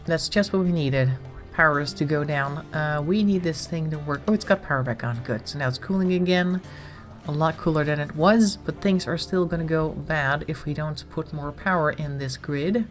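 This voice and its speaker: A woman streamer with a low voice and a slight cold-induced congestion chats casually at a moderate pace as she plays a game. She talks both to herself and her viewers while managing the colony. Soft music plays in the background.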